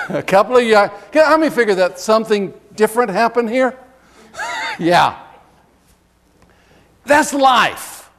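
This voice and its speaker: A male pastor giving a conversational sermon, reading scripture expressively and chuckling between points. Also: fairly high pitch.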